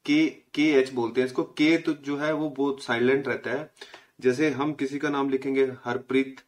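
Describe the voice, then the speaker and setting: A young man from India giving a casual spoken language lesson, patiently explaining and slowly repeating each letter's sound. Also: medium pitch, steady tone. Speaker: language teacher.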